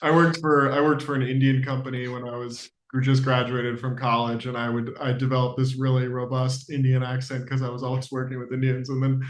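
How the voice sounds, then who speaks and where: A man hosting a podcast, affirming his guest and quick to agree in a casual interview. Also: mid-range voice, little pitch movement. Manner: warmly affirming, quick back-channel agreement. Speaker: podcast host. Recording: echoey room.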